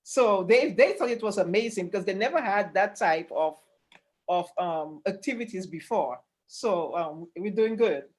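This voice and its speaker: A woman explaining her work conversationally on an online panel, halting at times and repeating words for emphasis. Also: mid-range voice, expressive, darkish tone. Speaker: panelist presenting a rural tourism programme. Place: online video call.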